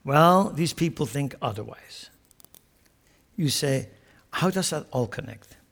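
A man preaches in a fairly high voice. He leans hard on key phrases, then drops to quiet asides and chuckles at his own jokes. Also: animated, slow pace, gravelly. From Switzerland. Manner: emphatic, swings between loud stressed phrases and quiet asides. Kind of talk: sermon.

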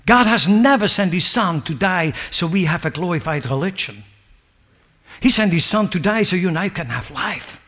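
A man preaching a sermon as pastor, emphatic and rising to near-shouts, firing rhetorical questions at the congregation. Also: sits high, expressive, moderate pace.

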